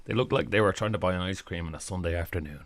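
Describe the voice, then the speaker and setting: Man, podcast host, dry close sound, low voice, jokey. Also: rapid-fire, dry recording. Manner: joking, leads the discussion. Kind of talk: casual football chat.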